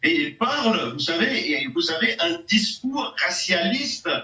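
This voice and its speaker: A man's voice: sits high, very animated, measured pace, pushed and bright. A man arguing insistently as a guest in a heated televised debate, lecturing his opponent and pressing questions. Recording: echoey distant dull TV audio.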